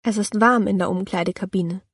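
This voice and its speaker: A woman narrating an audiobook in the first person, with calm, even storytelling. Her voice sits in a medium register. The recording is dry and close, with no room sound. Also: medium pitch, fairly quick, slightly rough, no room sound.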